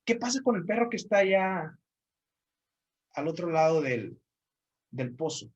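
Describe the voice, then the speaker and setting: A man voicing a gentle, compassionate young man who speaks softly and politely. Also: a little high, sing-song, unhurried, lo-fi sound. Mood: pleading.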